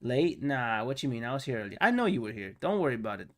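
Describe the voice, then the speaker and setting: Sick with a cold, a man streams a video game in casual let's-play commentary, joking with chat, reading lines along, and mockingly voicing characters. His mid-range, fairly bright voice is sing-song and quick.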